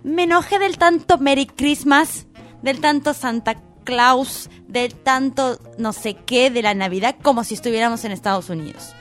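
High-voiced woman with a playful radio column. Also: normal speed, fairly bright tone, soft background music. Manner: playful, impassioned campaigning tone. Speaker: radio co-host with a comedic column. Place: radio studio.

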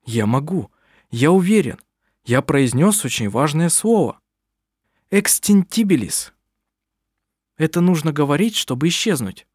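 A man's voice: on the high side, animated, unhurried, long pauses, a little mellow, slightly rough, no room sound, studio quality, pitched above the performer's own voice. A man reading aloud, voicing an earnest young man who is an eager would-be sorcerer and a fond son. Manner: earnest, affectionate.

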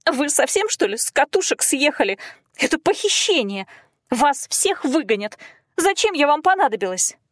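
A woman's voice: sing-song, normal speed, fairly bright tone, no echo, studio quality. A woman voicing a frightened captive young woman who whines and sobs yet talks back defiantly. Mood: shrill indignant. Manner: shrill, whining and sobbing.

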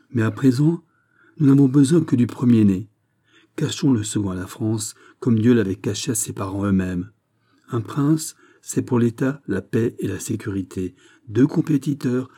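A man's voice: fairly low pitch, dark tone, husky. A man reading the part of an impassioned old duchess in an audiobook, pleading and insistent. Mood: solemn.

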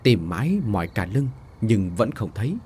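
Husky guy telling a ghost story, voice goes up and down a lot. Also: lowish voice, moderate pace. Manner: expressive storytelling. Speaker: storyteller host.

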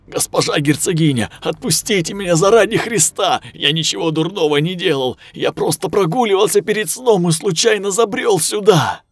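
A man voicing a cowardly, whining chained man who pleads in a shrill, squealing way. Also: normal speed, hardly any pauses, no room sound, faint music behind. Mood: pleading.

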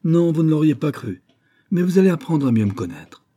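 A man's voice: fairly high pitch, very animated, brisk, warm tone, voice pushed up. A man voicing a jealous, bullying middle-aged rich husband who talks in a resentful, blustering and insistent way. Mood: angry resentment.

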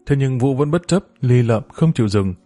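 A man narrating a serialized story at a measured, steady pace. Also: mid-range voice, faint music behind. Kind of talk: audiobook narration.

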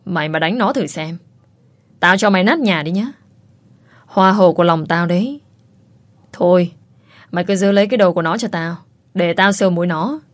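A leering, bossy old man in his sixties, played by a woman narrator, barking orders and threats. The voice sits low and is recorded close and dry, with no room around it. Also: normal speed, long pauses, no echo, natural voice. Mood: gruff. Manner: gruff, scolding, leering.

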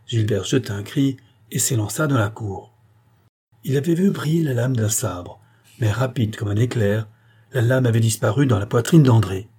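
A man narrates a classic novel as an audiobook in a measured, solemn manner. His voice is low and dark, with a husky grain running through it. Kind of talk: scripted narration.

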